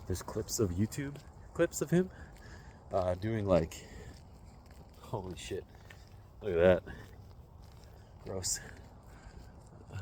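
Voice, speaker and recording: A man in his forties with a low, deep voice rambles casually into a phone held out on a selfie stick. He walks outdoors along a residential street, musing in a self-deprecating way, with faint noise in the background. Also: darkish tone. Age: 40s. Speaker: vlogger. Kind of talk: casual walking vlog.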